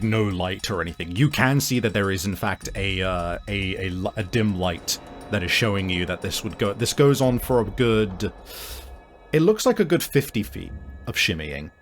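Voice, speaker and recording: Over background music, a man whose voice sits on the low side narrates a tabletop RPG as its game master. His delivery is improvised, and he often pauses to find his words.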